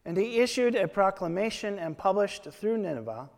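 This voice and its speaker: A man leading worship and reading scripture aloud in a measured, solemn way, his voice carrying a cathedral echo. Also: high voice, expressive, gravelly. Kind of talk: liturgical prayer and scripture reading. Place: large church. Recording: long reverb of a large church.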